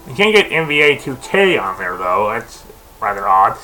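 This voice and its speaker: A man's voice: medium pitch, big pitch swings, slow, very noisy. A young man talking casually at his computer, rambling with lots of fillers, restarts and tangents. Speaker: video host.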